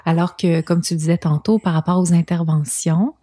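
Calm, husky podcast host. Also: female voice, on the low side, moderate pace. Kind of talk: interview questions and reflection. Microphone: podcast microphone.

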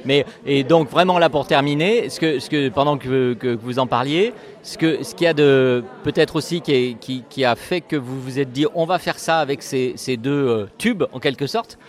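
A man's voice: medium pitch, normal speed, hardly any pauses. A man interviewing a musician, asking long, rambling questions while often stumbling and repeating words.

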